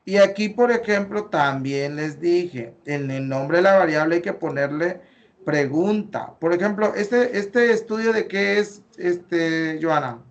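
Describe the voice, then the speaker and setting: Mexican male teacher, slightly high voice, explains slowly, lots of fillers. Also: lo-fi sound. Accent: Mexican Spanish. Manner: explains step by step, corrects patiently, many fillers. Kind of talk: online class, reviewing student data.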